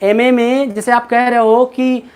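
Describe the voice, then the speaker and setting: A man's voice: very high-pitched, level tone, a little slow, a little mellow, clear, resonant tone. A male English teacher giving a live online class, repeating questions and calling on students by name and pet name. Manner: keeps quizzing students, repeats questions, calls them by name and pet names.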